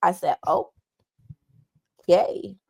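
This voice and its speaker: A woman podcast co-host, excitedly retelling a celebrity encounter in casual chat. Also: extremely slow. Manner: animated, excited retelling with quoted dialogue.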